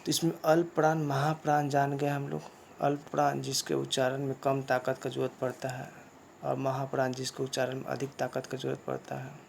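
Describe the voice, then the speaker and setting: A man teaching a grammar lesson, explaining slowly and repeating points, often asking a question and then answering it himself. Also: mid-range voice, completely flat delivery, vocal fry, a little hiss or hum. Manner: slow, repetitive explaining with rhetorical questions. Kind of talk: classroom lesson.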